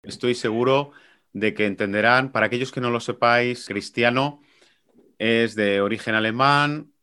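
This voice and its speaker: A man's voice: mid-range voice, moderate pace, pushed and bright, smooth. A man with an accent from Spain, hosting a podcast and addressing listeners as he introduces a guest. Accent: Spain Spanish. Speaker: podcast host, marketing manager.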